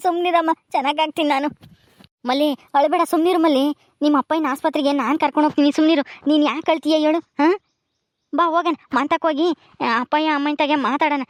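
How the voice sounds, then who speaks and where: A woman voicing a sick old village father who gently, repeatedly soothes his crying daughter in a village drama. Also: sits high, dry recording, studio quality, natural voice. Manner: soothing, repetitive.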